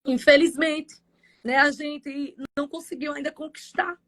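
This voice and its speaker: Fervent high-voiced Brazilian woman pastor. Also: fairly even intonation, a little slow. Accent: Brazilian Portuguese. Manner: fervent, swinging between loud cries and soft passages. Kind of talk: emotional faith testimony on a live stream. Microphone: phone or video call on a live stream.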